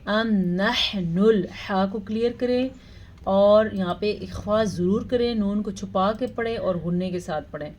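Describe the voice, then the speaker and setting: A woman teaching Quran recitation, explaining pronunciation rules and reciting verses very slowly with drawn-out sounds. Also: medium pitch, darkish tone. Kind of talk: tajweed lesson with slow recitation.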